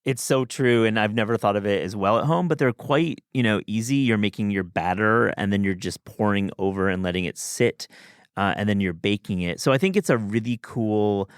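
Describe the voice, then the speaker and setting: A man's voice: lowish voice, normal speed, smooth, no room sound, studio quality. A man hosting a podcast, talking in an enthusiastic, chatty way with many restarts. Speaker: podcast host. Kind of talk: casual chat.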